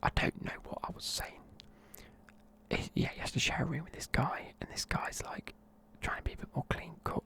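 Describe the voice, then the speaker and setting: A bit bright in tone and at an ordinary pace, a weary YouTuber whispers an unfocused movie review up close to the mic as in an ASMR clip. The talk wanders loosely, heavy on fillers.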